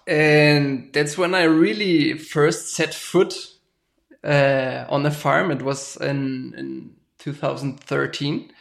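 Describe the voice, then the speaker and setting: A man, a farmer guest talking casually and haltingly, often ending with "right?". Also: on the high side, vocal fry. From Germany. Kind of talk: casual interview talk.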